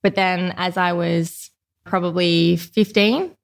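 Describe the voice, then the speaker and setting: An Australian woman appears as a podcast guest in a casual conversational interview, talking openly about her life. Her voice is fairly low, steady and creaky, and she takes her time, chatting freely with lots of "like" fillers.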